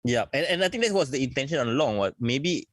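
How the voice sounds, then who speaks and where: A man's voice: mid-range voice, animated, fast, no echo. A young man with a Singaporean English accent, co-hosting a wrestling podcast with blunt, opinionated remarks and frequent laughs. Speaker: podcast co-host. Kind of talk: casual wrestling podcast chat.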